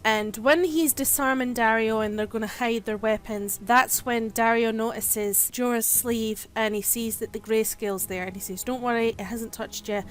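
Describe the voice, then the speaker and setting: A woman giving a casual, chatty recap of a TV episode, paraphrasing the characters' lines as she goes. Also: on the high side. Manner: chatty retelling with paraphrased quotes. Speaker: TV show reviewer.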